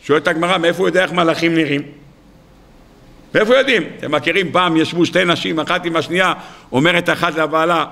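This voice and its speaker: A rabbi delivering a weekly sermon, talking in a high, bright voice. He tells it as a story and slips in jokes along the way. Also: gravelly. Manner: storytelling, humorous asides.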